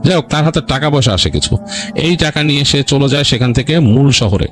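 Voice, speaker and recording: On a radio-style show, a man with a Bangladeshi accent tells a ghost story in a colloquial, rambling way, adding explanatory asides. His medium-pitched, slightly bright voice moves a little fast with lively intonation over soft background music.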